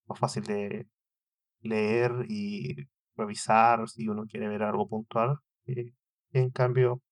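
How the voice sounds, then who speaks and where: A man's voice: mid-range voice, a little mellow. Male podcast host, 40s; unscripted, hesitant delivery with frequent restarts. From Chile. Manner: hesitant, many fillers and restarts. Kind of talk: solo podcast monologue.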